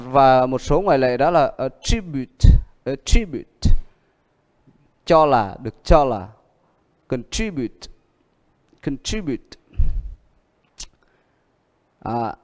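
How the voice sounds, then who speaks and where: Man, English teacher, slow pace, exam prep lesson, repeats each word, echoing hall. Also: mid-range voice.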